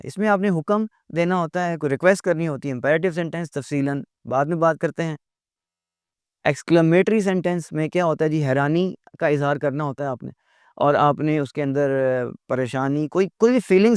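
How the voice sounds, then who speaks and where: A man teaching English in a recorded lecture. He asks rhetorical questions, repeats his points and reads out the English examples slowly. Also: on the high side, a little mellow, clear, resonant tone, no echo, clean studio sound.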